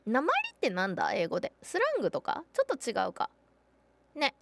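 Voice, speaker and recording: A woman's voice: on the high side, very animated, fairly quick, vocal fry, no room sound. A woman with a Kansai accent chatting casually on a game live stream, exclaiming often and thanking viewers. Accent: Kansai Japanese. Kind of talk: casual live-stream chat while playing.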